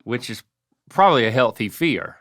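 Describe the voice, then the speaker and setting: A man's voice: medium pitch, animated, normal speed, a bit bright, no room sound, clean studio sound. A middle-aged man from North Carolina telling casual stories as a podcast co-host, with a wry, self-deprecating manner. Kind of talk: casual storytelling.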